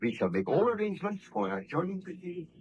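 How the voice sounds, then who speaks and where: A man's voice: high voice, very animated, fast talker, darkish tone, slight background noise. An actor playing an earnest, courteous young male scientist with formal, theatrical diction in 1930s radio acting. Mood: tender. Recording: dull 1930s radio recording.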